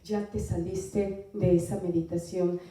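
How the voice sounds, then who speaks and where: A woman's voice: lowish voice, little pitch movement, mellow. Female preacher with a strained throat, heard from afar in a very echoey hall. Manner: pausing often with fillers, asking the congregation questions. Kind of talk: sermon. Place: church hall. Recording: echoey hall, voice from far off the mic.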